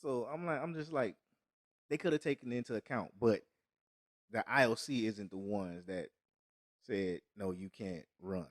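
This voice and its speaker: A man's voice: medium pitch, normal speed, pauses often, dry recording. Dry-voiced man co-hosting a podcast. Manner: profane, emphatic, restarts mid-thought. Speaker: podcast co-host. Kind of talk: casual chat.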